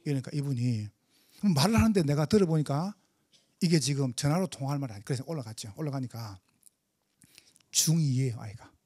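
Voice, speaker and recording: A man with a Gyeongsang accent preaching a testimony sermon in church, animated and humorous, talking fast. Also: mid-range voice, slightly rough, dry recording. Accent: Gyeongsang Korean. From Gyeongsang Province, Korea. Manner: fast talker. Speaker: pastor.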